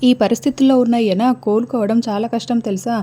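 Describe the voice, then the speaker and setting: A woman's voice: fairly high pitch, steady tone, quick pace, dark tone, natural voice. A woman reading the lines of a firm male doctor who insists on his instructions.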